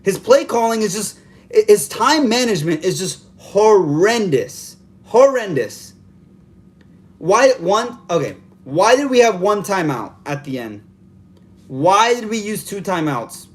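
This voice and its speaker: A man hosting a live stream, venting in an exasperated post-game rant full of repeated rhetorical questions, talking into a phone camera. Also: sits high. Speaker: live stream fan host. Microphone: phone camera held vertical.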